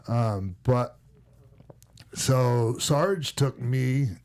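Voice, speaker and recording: Extremely slow and a little mellow, this middle-aged man's medium-pitched voice carries a Minnesota accent. A former wrestler turned podcast host, he spins loose, rambling stories packed with fillers and restarts.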